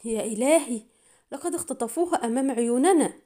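Lady reading nervous doctor guy, hesitant, higher warm voice. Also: very animated, fast. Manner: hesitant, hushed. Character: anxious male medical attaché, hesitant.

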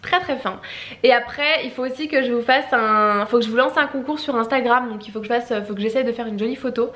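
A woman's voice: a little high, fast talker, fairly bright tone. A young woman vlogging casually at home, chatty and rambling with many fillers. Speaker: beauty vlogger. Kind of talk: casual vlog chat. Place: at home, indoors. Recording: echoey room.

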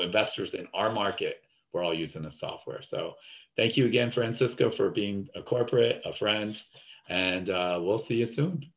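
A man with a deep voice and a New Jersey accent hosts a casual webinar over a video call, speaking loosely and rambling with repeated fillers. The audio quality is poor.

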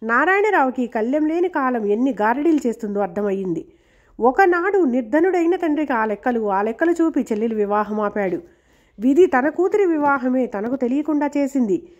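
A woman reading a novel aloud in a steady, expressive storytelling voice. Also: high voice, fairly quick. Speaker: audiobook reader. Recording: dull lo-fi recording.

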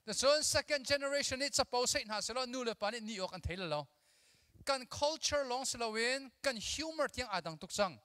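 A man in his thirties preaches to young people on a large church stage. His voice sits very high and sounds bright and sharp. He talks close into a handheld mic, and a long hall reverb trails behind his words. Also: fairly quick. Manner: animated, mixes English with his own language, drills the crowd with call-and-response. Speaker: youth conference speaker. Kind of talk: energetic sermon to a youth audience.

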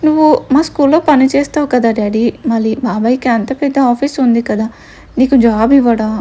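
A woman's voice: on the high side, fairly quick, warm tone, close to an everyday voice. A woman voicing a sweet, cheeky little girl who pleads in a cute, childish way.

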